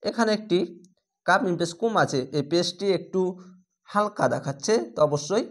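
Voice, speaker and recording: A man with a Bangladeshi Bengali accent teaching Quran reading, who breaks words into syllables, repeats them slowly and explains each rule. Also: high voice, expressive, fairly bright tone. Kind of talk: step-by-step recitation lesson.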